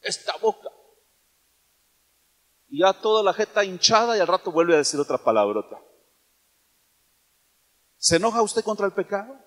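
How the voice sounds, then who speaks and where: A man's voice: high voice, lively intonation, moderate pace, long pauses, in a large hall. A man preaching a sermon in a church, emphatic and firing questions at the congregation.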